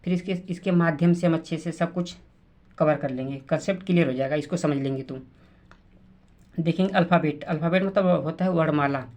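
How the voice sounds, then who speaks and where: A woman teacher, explaining spelling slowly, repeating words and sounding out letters. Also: sits low, a little mellow. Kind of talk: slow classroom explanation.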